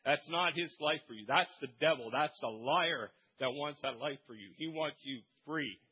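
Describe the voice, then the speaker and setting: A man preaches a lively sermon, his voice a touch high and husky. He moves from quiet asides to shouted calls. The recording sounds dull and muffled. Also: normal speed. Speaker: pastor.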